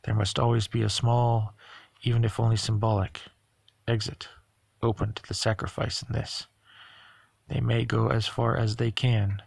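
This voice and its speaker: A man reading the measured, explanatory lines of a calm, knowing figure in an audiobook. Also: lowish voice, vocal fry, slightly rough, no room sound. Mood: grave. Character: calm, knowing male member of the gathering.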